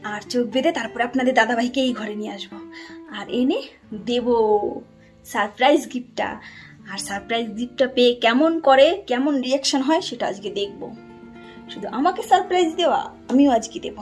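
A woman vlogger chatting casually to her viewers from her family home, lively and direct. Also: a little high, moderate pace, faint music behind. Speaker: vlogger and mother.

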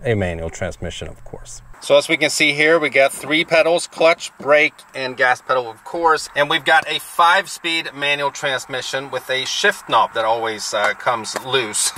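A car vlogger in his forties, with a slightly high voice, films a casual vlog from the cab of his moving pickup truck via a dashboard-mounted camera. He's excitable, laughs a lot and shouts when thrilled. The rough recording carries engine and road noise.

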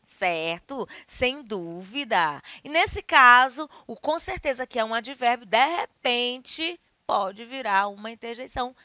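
Brazilian woman teacher, a bit high and sharp, very expressive delivery, dry close mic. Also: dry recording. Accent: Brazilian Portuguese. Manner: highly expressive, acts out exclamations with big shifts in pitch and volume. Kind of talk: video lesson on grammar.

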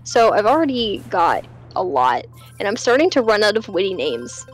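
A woman's voice: mid-range voice, very animated, moderate pace, faint music behind. A woman hosting a let's play, chatting in a rambling way with lots of fillers and restarts. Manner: rambling, with many fillers and self-corrections. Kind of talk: casual game commentary.

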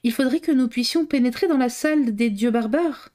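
A woman reading aloud voices a cheerful, spontaneous young woman. Her lines are pitched above the reader's own voice and have a bright, lively ring. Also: a little fast, natural voice.

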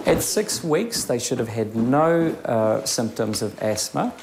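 Gravelly middle-aged New Zealand instructor. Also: male voice, mid-range voice, big pitch swings, heavy background noise. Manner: instructive, brisk. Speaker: breathing instructor. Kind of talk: interview and instruction.

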